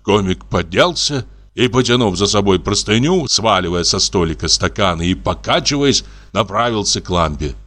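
A man narrates a classic story with measured, expressive delivery. His pitch rises and falls in a lively way. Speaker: audiobook narrator. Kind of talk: literary audiobook reading.

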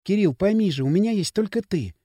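A male reader voicing a frightened young woman who speaks through tears in halting, pleading phrases. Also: high-pitched, lively intonation, warm tone, no echo. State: crying. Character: young woman, tearful and anxious.

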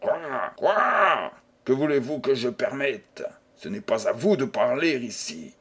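A man's voice: medium pitch, big pitch swings, measured pace, a bit bright, breathy edge, heavily acted. A man reading an audiobook voices a proud old baron who scolds a young man with stiff, formal indignation. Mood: furious. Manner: indignant, stiff and formal, then coldly businesslike. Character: stern proud old male baron, outraged.

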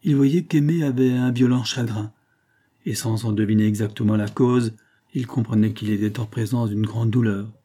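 A man narrating a classic novel aloud in a steady, measured reading. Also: lowish voice. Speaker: audiobook narrator. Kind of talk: scripted narration.

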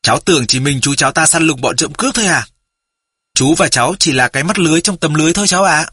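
A man voicing a kindly, calm middle-aged uncle in an audiobook, speaking reassuringly. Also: a little high, fast, slightly rough, no echo, studio quality, heavily acted. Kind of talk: audiobook character voice.

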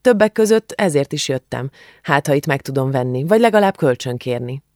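A man's voice: medium pitch, animated, darkish tone, dry recording, studio quality, lightly acted. A man murmuring as a shy, uneasy teenage girl. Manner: murmuring, hesitant.

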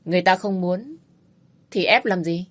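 A woman's voice: on the low side, normal speed, close to an everyday voice. A woman voicing a cool, aloof man who speaks curtly and mockingly in a spoken audio story. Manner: calm, dry, curt, mocking.

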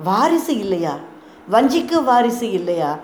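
A proud, quick-tempered court priest, as a woman narrator puts him on retorts with indignation. The storybook reading has an echoey room sound and a faint hiss. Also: a little high, very animated, a little mellow. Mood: indignant.

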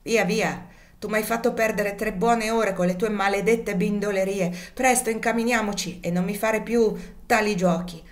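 A woman doing a gruff, irritable trader. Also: medium pitch, steady tone, normal speed, voice pushed up, close to an everyday voice. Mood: angry. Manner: irritable, scolding. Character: angry, gruff male slave trader.

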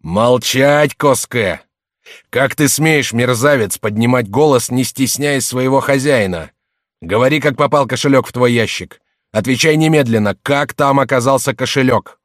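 A man's voice: low-pitched, moderate pace, dry recording, studio quality. A man reading an audiobook and voicing a stern male samurai master who barks commands at his servants. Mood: wrathful. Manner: commanding, shouting orders.

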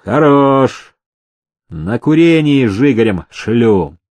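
A man's voice: mid-range voice, sing-song, slow pace, darkish tone, no room sound. A man voicing a pompous, bossy male factory overseer who barks orders and turns sugary when mocking.

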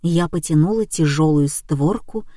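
A woman's voice: deep voice, unhurried, dark tone, dry recording, clean studio sound. A woman reading an audiobook in a wry, ironic manner. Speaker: narrator. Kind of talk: audiobook narration.

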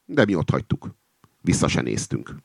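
A man's voice: rumbling low, huge pitch swings, gravelly, slightly rough, no room sound. A man reading satirical fiction aloud with commentary, in a dry, ironic storytelling manner. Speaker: reader and commentator.

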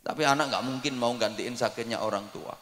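A man with an East Javanese accent preaching a sermon to a hall audience, swinging from soft asides to shouting. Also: medium pitch, a little fast. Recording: echoey hall reverb.

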